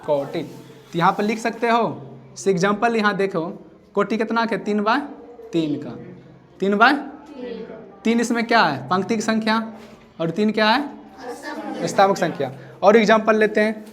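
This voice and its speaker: A man's voice: high voice, a little slow, long pauses, fairly bright tone. A man teaching a maths class, repeating his questions so students answer back. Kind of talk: classroom lecture.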